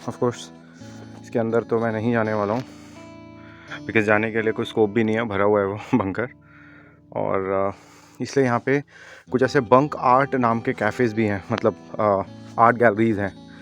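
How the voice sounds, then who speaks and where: With long pauses and a steady tone, a man from India with a lowish voice narrates his travel vlog at a moderate pace, talking straight to viewers on an outdoor mountain trail. He holds the camera himself, and soft background music plays.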